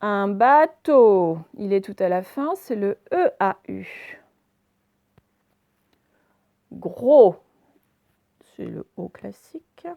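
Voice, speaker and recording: A woman teacher giving a recorded phonics lesson for young children, saying words slowly and over-articulating them, with repetitions and fillers. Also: medium pitch, sing-song, vocal fry, dull audio. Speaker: primary school teacher.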